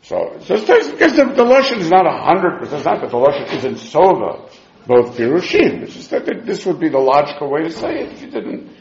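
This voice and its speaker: Guy w/ teaching a religious text, voice on the high side, sing-song q and a with himself, kinda dull recording. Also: a little fast. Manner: animated, sing-song questioning and answering himself. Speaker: Talmud teacher. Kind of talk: informal religious text lesson, reasoning aloud. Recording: dull, echoey room recording.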